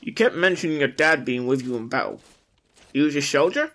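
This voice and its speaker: A man's voice: on the high side, animated, fairly quick, a bit bright. A man voicing a skeptical, foul-mouthed soldier who scoffs at talk of magic. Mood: blunt scoffing. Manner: scoffing, swearing.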